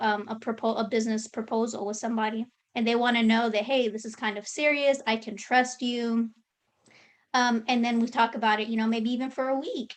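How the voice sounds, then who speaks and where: A woman talking casually as an interview guest, telling stories and acting out her own thoughts. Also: on the high side. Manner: relaxed storytelling, acts out her own thoughts.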